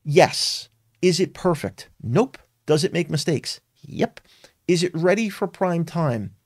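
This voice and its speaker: A man's voice: a little high, lively intonation, slow, no echo. A man hosting a weekly live webinar, talking earnestly and emphatically with frequent restarts and fillers. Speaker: webinar host. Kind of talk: live-streamed tech talk.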